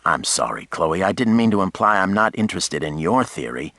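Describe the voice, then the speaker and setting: A wry, easygoing man of thirty with a very low voice that still moves a lot, teasing and charming, as voiced by an audiobook narrator. Close, dry recording. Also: big pitch swings, a little fast, pushed and bright, no echo, exaggerated voice. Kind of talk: audiobook character voice.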